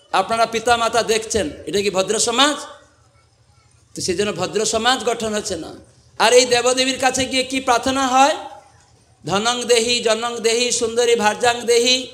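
A monk preaching a devotional sermon to a live audience, asking it rhetorical questions and quoting scripture. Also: male voice, extremely high pitch, a bit bright.

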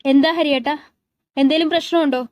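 A woman's voice: sits high, steady tone, fairly quick, no echo, muffled recording, pitched above the performer's own voice, close to an everyday voice. A woman voicing a sweet, innocent young woman who speaks earnestly and frets over others in a narrated love story. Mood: worried. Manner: earnest and worried.

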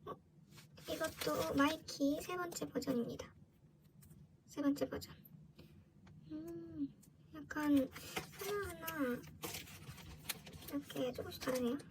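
High-pitched girlish woman, casual unboxing vlogger. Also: slow pace, pauses often. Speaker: vlogger opening collectible merchandise. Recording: clearly noisy background.

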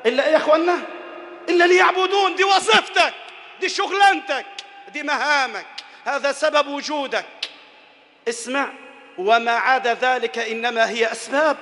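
A man with an Egyptian Arabic accent delivers a Friday sermon in a strikingly high, bright and forceful voice. He repeats words for emphasis and moves between soft lowered passages, loud shouted climaxes and chanted scripture. The sound is roomy, with a long reverb tail as in a large mosque. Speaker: preacher. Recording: echoey hall with long reverb.

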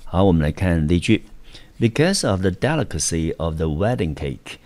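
A man from Taiwan teaches an English vocabulary lesson in a school teaching studio, explaining pronunciation and example sentences step by step and often opening with "好". His deep, darkish voice is very animated at normal speed, with no echo.

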